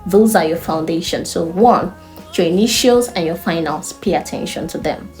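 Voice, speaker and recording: A woman's voice: lowish voice, moderate pace, faint music behind. A woman with a Nigerian accent giving an online language lesson, emphatic and playful as she explains. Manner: animated, emphatic, playful teaching. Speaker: Chinese language tutor.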